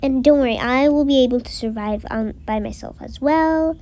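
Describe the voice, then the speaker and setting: A woman voicing a gentle mother in a storybook game, speaking in a soothing, reassuring way. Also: sits high, normal speed, natural voice. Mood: tender. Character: gentle caring mother sending daughter off.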